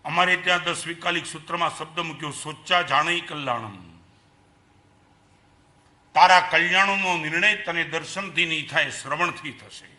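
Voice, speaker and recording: An older man with a Gujarati accent giving a lively Jain sermon, dropping to soft asides and rising to loud emphasis, asking the audience questions. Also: on the high side, moderate pace. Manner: animated preaching, swings between soft asides and loud emphasis. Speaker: Jain monk lecturer. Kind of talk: sermon to an assembly.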